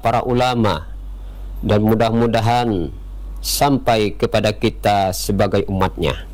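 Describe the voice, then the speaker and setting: A man giving a radio sermon in a measured way, opening with Arabic prayer formulas. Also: fairly low pitch, a little mellow, low-quality recording. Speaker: radio preacher.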